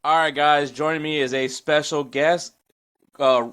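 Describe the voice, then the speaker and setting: A man's voice: on the high side, steady tone, unhurried, fairly bright tone, smooth, soft background music. A man hosting a sports podcast, talking in an upbeat, chatty way with lots of fillers and restarts. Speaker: podcast host. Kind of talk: casual podcast intro and interview.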